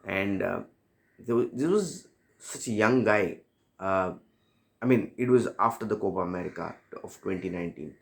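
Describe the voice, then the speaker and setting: A man's voice: low voice, expressive, normal speed, gravelly. A man from India casually telling a personal story as a football fan, reflective and rambling, with many fillers and self-corrections.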